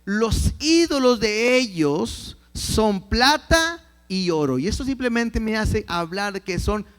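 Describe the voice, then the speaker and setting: High-voiced man preaching a Bible lesson. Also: a bit bright. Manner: reads scripture aloud and acts out quoted believers; repeats words when starting phrases. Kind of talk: Bible teaching sermon.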